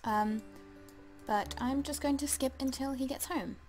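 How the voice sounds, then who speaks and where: A woman's voice: sits high, measured pace, darkish tone, soft background music, low-quality recording. A woman casually commenting as she plays a life simulation game, chatty and hesitant, full of ums, and talking to the game characters. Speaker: let's play gamer.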